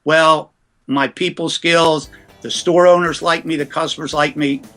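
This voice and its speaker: A man with a bright, forceful voice spins lively anecdotes in a relaxed interview. He talks a little higher than most men. He is a ventriloquist from the US East Coast recalling his start in show business. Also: measured pace, soft background music. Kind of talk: casual storytelling interview.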